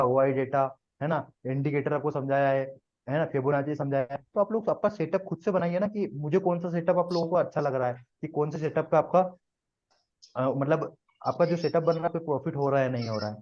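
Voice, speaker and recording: A man's voice: fairly high pitch, fairly even intonation, brisk, highs cut off. A man teaching a live trading class to students, explaining step by step and often checking that they follow.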